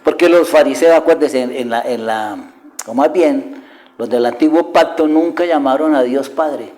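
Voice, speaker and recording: A man's voice: mid-range voice, moderate pace, warm tone, rough recording. A middle-aged man preaching with passion, posing rhetorical questions and dropping from a raised voice to a near-whisper. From Colombia. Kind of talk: sermon.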